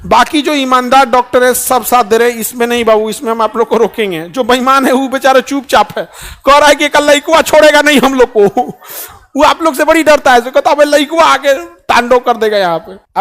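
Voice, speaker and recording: A man's voice: very high voice, fairly bright tone. A man with a Bihari Hindi accent giving an emphatic motivational speech to students, often asking the audience questions. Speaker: speaker addressing students.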